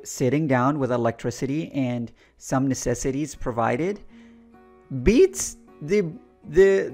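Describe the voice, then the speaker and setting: Speaking directly to his audience, a sincere energy intuitive from Iraq gives a spiritual talk to camera on his channel. Quiet guitar plays beneath his mid-pitched voice, and he leans on repetition of important phrases.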